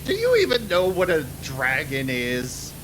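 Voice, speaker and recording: A man's voice: a little high, wildly swooping pitch, measured pace, fairly bright tone, poor audio. A man chatting casually and teasingly with friends while playing a video game. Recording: faint background noise.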